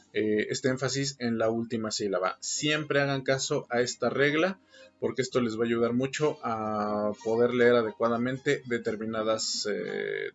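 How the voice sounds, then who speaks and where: Guy teaching a lesson, lots of ums, kinda muffled low-fi audio, mid voice. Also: a bit bright. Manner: patient, explanatory, many filler pauses. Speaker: Spanish teacher. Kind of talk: recorded classroom lesson. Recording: dull lo-fi recording.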